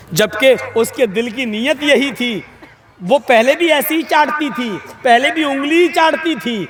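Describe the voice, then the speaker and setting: High bright-voiced man preaching in a hall. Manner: dramatic storytelling, voices the people in his stories; rises to shouts for emphasis. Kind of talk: Urdu sermon. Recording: echoey hall sound system.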